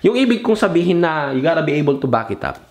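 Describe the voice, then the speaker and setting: Animated young Filipino-sounding vlogger man. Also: on the high side, fast. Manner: mixes Tagalog and English, swears casually, mimics other people; rambling and loose, loses his train of thought. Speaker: vlogger giving advice. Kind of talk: casual advice vlog.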